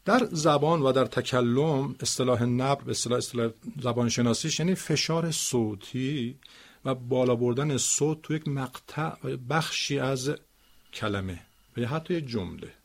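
A man teaching Quran recitation, explaining word stress with spoken examples in a slow, deliberate way. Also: mid-range voice.

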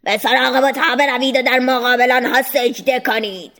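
A woman's voice: sits high, steady tone, a bit bright. A woman voicing a proud, stubborn ancient king who speaks in a defiant, commanding way in a storybook reading.

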